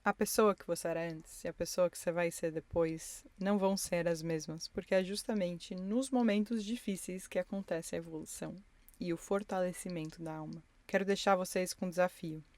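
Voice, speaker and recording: A podcast host talks to her audience from her car in a close, one-woman monologue, reflective and encouraging throughout. Her voice is lowish, steady and a little mellow, her pace a little fast, and the recording dry.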